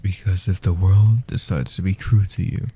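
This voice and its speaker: In a comfort audio roleplay, a man voices a gentle, ancient vampire guardian, speaking softly to soothe and protect with tender reassurance. His voice is low, dark, husky and very breathy, often sinking to a half-whisper, with a steady tone and moderate pace. The mood is soothing and devoted.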